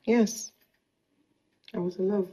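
An actress playing a gentle, lovelorn young wife, earnest and subdued, in a naturalistic screen drama. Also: female voice, mid-range voice, fairly even intonation, slow, slightly rough. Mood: defensive, earnest.

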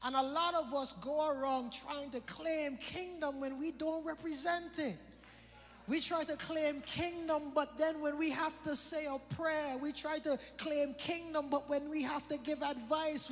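Male preacher, British Virgin Islands accent, high voice, repeats lines and quizzes the congregation; echoing hall. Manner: questions the congregation, repeats phrases for emphasis. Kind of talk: sermon.

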